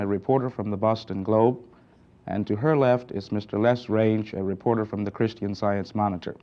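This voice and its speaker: A man hosting and moderating a TV interview, introducing guests and asking formal, measured questions. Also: fairly low pitch. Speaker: host and moderator. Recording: dull lo-fi 1960s TV audio.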